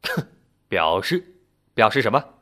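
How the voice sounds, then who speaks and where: A man's voice: fairly low pitch, sing-song, a little slow, bright, forceful tone, exaggerated voice. A man storyteller voicing a scheming, bullying village husband who mocks and barks when angry. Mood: sly. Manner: mocking, barking when angry.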